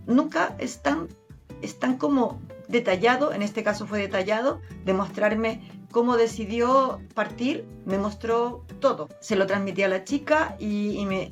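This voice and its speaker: A woman with a Chilean accent, a therapist and medium, recounting her experiences as an interview guest with earnest, animated storytelling. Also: mid-range voice. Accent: Chilean Spanish. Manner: earnest, animated retelling with many restarts.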